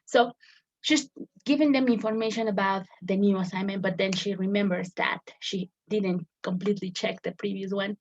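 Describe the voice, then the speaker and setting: Woman, teacher, step-by-step explanation, repeats words mid-sentence, raspy, muffled recording. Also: medium pitch, fairly even intonation, moderate pace. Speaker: English teacher. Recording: dull lo-fi recording.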